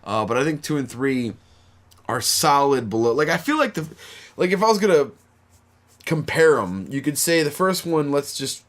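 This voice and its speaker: A man's voice: a little high, expressive, normal speed, a bit bright. Tired, profane male podcast host. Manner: profane, loose and rambling. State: tired late at night. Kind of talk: casual podcast chat.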